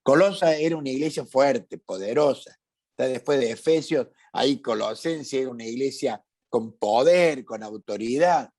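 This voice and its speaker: A man's voice: mid-range voice, moderate pace, a little mellow. A man from Córdoba with a Cordobese Argentine accent, preaching a sermon to his congregation, emphatic and full of rhetorical questions and repeated phrases. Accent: Cordobese Argentine Spanish. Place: church meeting hall.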